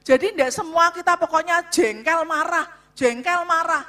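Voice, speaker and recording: A woman delivers a sermon on marriage in a high, bright voice. She speaks loudly and with emphasis, repeatedly addressing the listeners directly. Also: normal speed. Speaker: co-speaker at a church revival on marriage. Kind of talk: sermon-style talk to a congregation.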